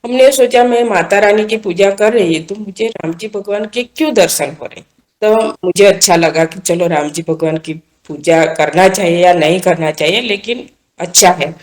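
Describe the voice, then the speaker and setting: A woman's voice: on the low side, moderate pace, a little mellow. An earnest woman speaks as an interview guest, recounting a personal faith experience in plain, casual talk. She circles back over her own words, repeating and restarting phrases as the story unfolds.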